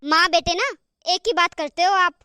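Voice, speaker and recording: A woman's voice: extremely high pitch, normal speed, bright, forceful tone, dry recording. A woman voicing a demanding young wife in a cartoon, who nags and talks back. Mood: petulant. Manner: nagging, petulant. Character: demanding young wife, sharp-tongued then remorseful. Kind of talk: cartoon voice acting.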